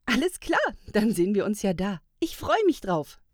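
A woman voicing a cheerful older female gnome who runs a mail train, chatting brightly and loudly. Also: medium pitch, big pitch swings, moderate pace, dry recording, clean studio sound.

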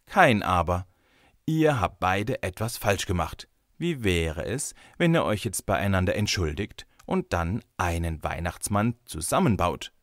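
A man's voice: sits low, expressive, a little slow, no room sound, clean studio sound. A man doing a kind but firm young teacher. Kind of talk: audiobook character voice.

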